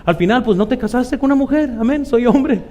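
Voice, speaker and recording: A man's voice: very high voice, animated, fairly quick, dark tone. A middle-aged man with a Mexican Spanish accent preaching a conversational sermon as pastor, often tossing in "¿verdad?" asides and acting out the voices he quotes.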